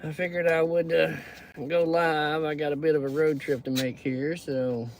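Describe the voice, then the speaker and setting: A man's voice: a little high, flat delivery, moderate pace, slight background noise. A Texan man hosting a casual livestream, chatting in a folksy way and greeting viewers by name. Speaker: livestream host. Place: pickup truck.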